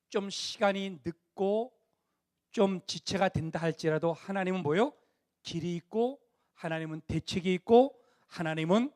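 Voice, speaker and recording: A middle-aged man with a high-pitched voice preaching to young adults. He shifts between a chatty, storytelling tone and rising, forceful emphasis. He sometimes acts out the lines of the people in his stories. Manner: animated preaching, rising to near-shouts at emphasis; acts out quoted dialogue in a conversational tone. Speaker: pastor. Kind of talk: sermon.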